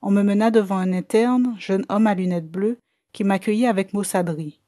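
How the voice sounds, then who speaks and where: Woman reading an audiobook, warm mellow voice, dry close sound, steady pace. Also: medium pitch, normal speed, dry recording. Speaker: audiobook reader. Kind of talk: scripted narration.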